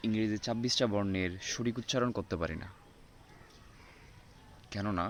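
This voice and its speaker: A man teaching an English pronunciation lesson, going slowly through the alphabet letter by letter. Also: lowish voice, slight background noise. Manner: slow, spells out letters one by one. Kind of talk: spoken language lesson.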